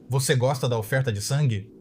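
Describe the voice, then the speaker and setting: A man's voice: mid-range voice, brisk, a little mellow. Man calling out to spirits, noisy recording. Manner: addresses spirits with questions and solemn recitations. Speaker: paranormal explorer. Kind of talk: spirit-calling in a ghost-hunting vlog. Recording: clearly noisy location sound.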